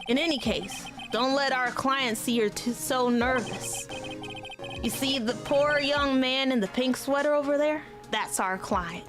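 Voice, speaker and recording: A woman's voice: sits high, a little slow, music in the background. Woman putting on a pompous older lawyer. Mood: reassuring. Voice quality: pompous, fussy.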